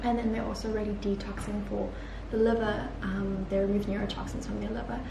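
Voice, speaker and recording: Chatting casually to camera in a day-in-the-life vlog, a young woman sounds upbeat and leans on plenty of fillers. Her mid-range voice keeps a level tone at a fairly quick pace, croaky since she just woke up. The room echoes and background noise is clear.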